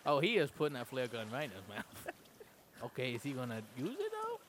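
A man's voice: mid-range voice, wildly swooping pitch, fairly quick, fairly bright tone, slight background noise. A man doing improvised comedy on a podcast, rowdy and profane, laughing often.

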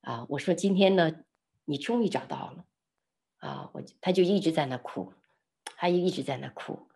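A woman, telling a personal story in an interview. She speaks softly, often drops close to a whisper, acts out both sides of a conversation and laughs lightly now and then. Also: low voice, expressive, moderate pace. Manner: soft-spoken, often dropping to a near whisper; reenacts dialogue, laughs lightly. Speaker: interview guest.

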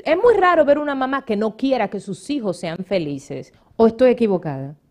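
A woman's voice: a little high, very animated, moderate pace, a little mellow. A middle-aged woman pastor preaching a sermon, speaking straight at her congregation and calling out members by name.

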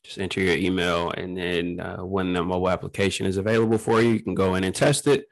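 Guy guest on a podcast, kinda low voice, super casual slangy storytelling. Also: fairly even intonation, fast, vocal fry. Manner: informal, peppers talk with "man".

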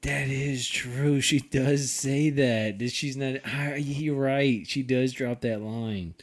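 A man hosting a casual podcast, animated and laughing often, swearing freely. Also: medium pitch, slow. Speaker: podcast host.

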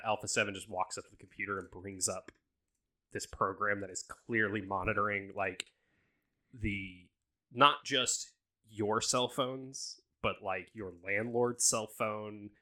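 A man narrating as game master in a casual, relaxed way. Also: fairly low pitch.

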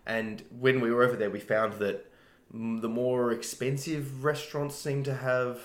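A man's voice: medium pitch, flat delivery, normal speed, roomy sound. A man co-hosting a casual chat, joking and repeating words as he starts sentences. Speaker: co-host.

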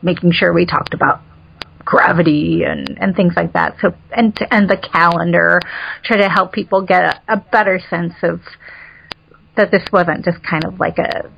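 A woman's voice: lowish voice, fairly even intonation, normal speed, creaky, husky. A woman, a novelist being interviewed, talking casually about her book with lots of fillers and frequent laughs. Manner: chatty, laughs often, many fillers. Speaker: novelist guest. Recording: muffled lo-fi audio with faint noise.

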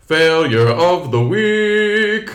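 A man's voice: high voice, lively intonation, very slow, a bit bright. A man co-hosting a casual podcast, talking with many restarts and fillers. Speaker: podcast co-host. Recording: roomy echo.

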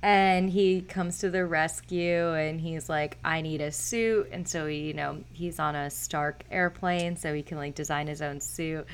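A woman's voice: low voice, little pitch movement, unhurried, hardly any pauses, clear, resonant tone. A woman chatting casually as a podcast co-host, recapping a film with many fillers and restarts.

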